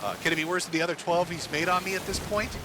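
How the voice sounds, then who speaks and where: A man's voice: sits high, fairly even intonation, racing, background noise. A man commentating on online drama while gaming, profane and mocking. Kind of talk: casual commentary.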